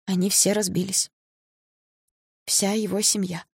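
A woman voicing a heartbroken young woman who speaks quietly through tears, with a husky, hushed voice. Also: medium pitch, little pitch movement, a little slow, dry recording, studio quality, pitched above the performer's own voice. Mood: tearful. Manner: hushed, tearful.

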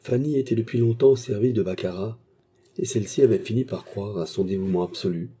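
A man narrating a classic novel aloud in a measured, even storytelling manner. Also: fairly low pitch, husky. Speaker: audiobook narrator.

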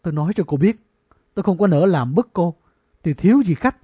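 A man's voice: sits high, lively intonation, a little fast, breathy edge, no echo. A man doing a pushy young rich scholar. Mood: pleading, boastful. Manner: pleading yet boastful. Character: young wealthy male scholar, pushy and smitten. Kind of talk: audiobook character acting. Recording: dull lo-fi dry recording.

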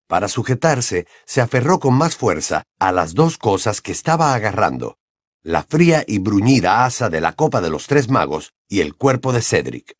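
A male audiobook narrator reading in an expressive, dramatic style. His mid-pitched voice moves with a lively melody and sounds dry and close to the mic. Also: normal speed, no room sound. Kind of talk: scripted narration.

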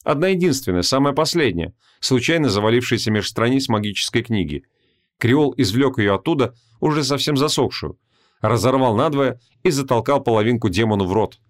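A man narrates a fantasy audiobook in an even, measured storytelling manner. His voice sits at an ordinary middle pitch.

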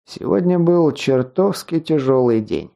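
A man voicing a calm, quietly menacing male mentor in an audiobook, talking in a soft, sugary-sweet, unhurried way. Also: fairly high pitch, gravelly, pitched above the performer's own voice. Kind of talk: audiobook character voice.

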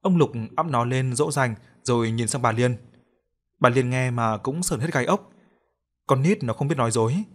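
A man narrates an audio story with steady, measured pacing. His voice sits at a middle pitch, and he reads in a calm storytelling style.

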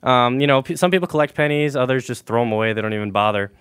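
A young man hosts a college radio show in a loose, rambling chat, full of fillers and restarts. His voice sits at an ordinary middle pitch. The studio mic sounds close and dry. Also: lively intonation, fast talker, a bit bright, smooth, dry recording. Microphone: studio microphone.

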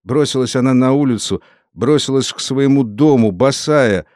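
A man narrating a literary novel in a steady, solemn storytelling manner. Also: medium pitch, normal speed, dry recording, clean studio sound. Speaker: audiobook narrator.

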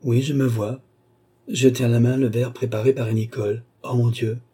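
A man's voice: medium pitch, level tone, moderate pace, dark tone, breathy edge, pitched above the performer's own voice, lightly acted. A man doing an entranced young noblewoman. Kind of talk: audiobook character reading.

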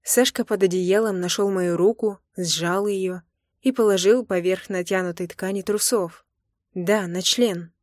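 A woman narrating a first-person romance audiobook with an intimate, expressive reading. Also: medium pitch, measured pace, dry recording, clean studio sound.

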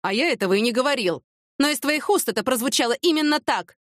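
A woman's voice: high voice, lively intonation, quick pace, no room sound, voice pushed up. Brief: a woman playing a teasing, sarcastic middle-aged police colonel, dry close sound. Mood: mocking.

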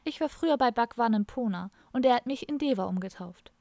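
A woman voicing a cheerful hippie woman of about fifty, lively and teasing in tone. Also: on the high side, fairly quick, creaky, no room sound, clean studio sound. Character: warm, amused hippie woman around fifty.

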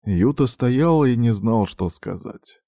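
A man reading a novel aloud as narrator with expressive storytelling. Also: mid-range voice, slow, creaky, dry recording, clean studio sound. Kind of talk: audiobook narration.

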